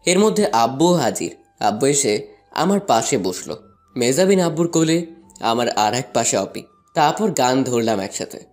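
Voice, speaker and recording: A man's voice: medium pitch, sing-song, normal speed, faint music behind, lightly acted. A young man narrating a first-person love story and voicing a playful, teasing student in an audio drama. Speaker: narrator and lead voice actor.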